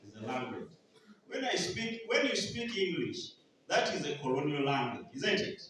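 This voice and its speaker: A Ugandan man preaches a sermon, frequently inviting the congregation to finish his sentences in call-and-response style. His fairly bright voice sits on the high side with big pitch swings at a moderate pace. He sounds distant in an echoey hall, with a little hiss or hum.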